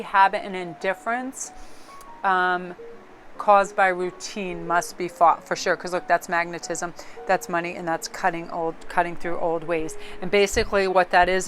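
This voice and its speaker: A woman's voice: lowish voice, a bit bright, slight background noise. A woman casually reading tarot cards aloud, chatty and rambling, often breaking into laughter. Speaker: tarot card reader.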